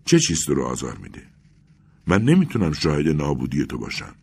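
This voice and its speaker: A man's voice: very deep voice, huge pitch swings, creaky, a little mellow, breathy edge, heavily acted. A man voicing a devoted, worried young friend who speaks in an urgent, coaxing way.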